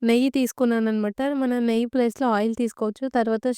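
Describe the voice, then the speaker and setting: A woman's voice: fairly high pitch, very fast, clear, resonant tone, dry recording, studio quality. A young woman, chatting casually as a home vlogger and telling a story straight to her viewers. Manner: lively, chatty, addresses viewers directly.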